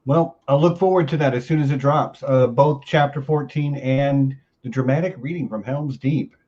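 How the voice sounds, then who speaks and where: A man's voice: mid-range voice, moderate pace, a little mellow. A man hosting a casual podcast, easygoing and upbeat as he chats with his guest. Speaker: host. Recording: slightly dull, lo-fi mic.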